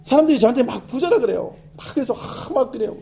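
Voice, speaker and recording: A middle-aged male pastor giving a sermon in an animated, conversational style, with emphatic swings in delivery. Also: very high-pitched, fast talker, creaky.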